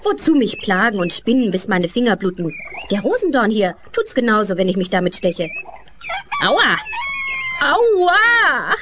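A woman's voice: mid-range voice, big pitch swings, a little fast, noisy background, natural voice. A woman playing a lazy, greedy and rude young girl in a children's fairy-tale radio play. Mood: scheming. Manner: sulky, rude, whiny.

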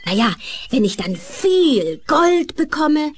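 A woman's voice: sits high, sing-song, slow pace, a little hiss or hum, heavily acted. A woman playing a lazy, greedy and rude young girl in a children's fairy-tale radio play. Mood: sulky. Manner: sulky, rude, whiny.

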